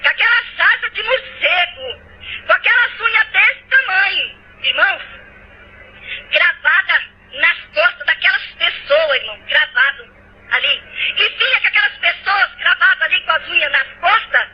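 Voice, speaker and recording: A woman with a Brazilian Portuguese accent delivers a fervent, emotional church testimony, sometimes tearful, repeating phrases and calling out to the brothers. Her voice is extremely high and animated at a normal speed. The recording is dull and lo-fi.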